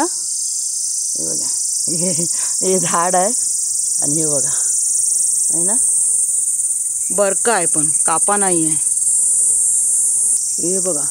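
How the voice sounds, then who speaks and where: A chatty village vlogger from Konkan, India, gives a casual walking tour of her orchard outdoors, repeatedly pointing things out to viewers. Her voice is medium-pitched and a little mellow, with faint insect chirping in the background.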